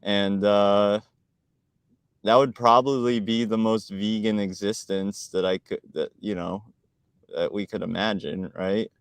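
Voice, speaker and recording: A man's voice: on the low side, fairly even intonation, a little slow, clean tone, no echo. A man co-hosting a live stream, chatting casually, talkative and argumentative, often laughing and restarting his words.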